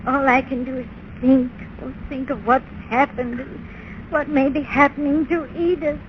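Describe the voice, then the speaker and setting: A woman's voice: high voice, steady tone, moderate pace, natural voice. An actress playing a distraught, exhausted older mother in a 1930s radio drama, tearful and sighing. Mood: anguished, weary. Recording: noisy, muffled 1930s radio recording.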